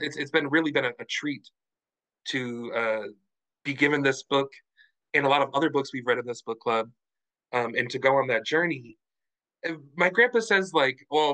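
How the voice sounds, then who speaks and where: A man's voice: medium pitch, rough recording. A man speaking frankly and animatedly in a casual book club discussion over a video call. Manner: animated, frank, lots of fillers.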